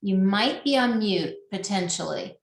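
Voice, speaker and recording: A woman's voice: mid-range voice, lively intonation, unhurried. A woman moderating an online panel webinar, upbeat and joking as she passes questions to the panelists. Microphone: video call. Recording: roomy echo.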